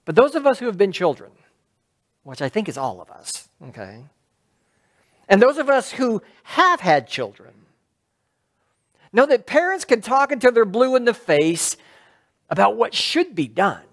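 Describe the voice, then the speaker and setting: Middle-aged man preaching with lively pitch. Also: a little slow, pauses often. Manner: conversational, asks the congregation questions. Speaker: pastor. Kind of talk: sermon. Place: church sanctuary, at a lectern.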